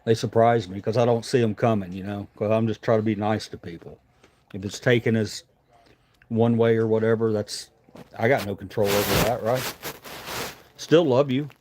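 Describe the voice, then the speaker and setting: A man's voice: lowish voice, steady tone, normal speed, darkish tone, a little hiss or hum. A man chatting casually as a livestream host, talking around a dip of tobacco in his lip, rambling and informal with some swearing.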